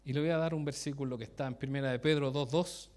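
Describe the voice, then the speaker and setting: Delivering a conversational sermon fast, a man speaks in a mid-range, steady voice with a darkish tone. He laughs at his own stories, cuts himself off mid-sentence, and asks his congregation questions directly.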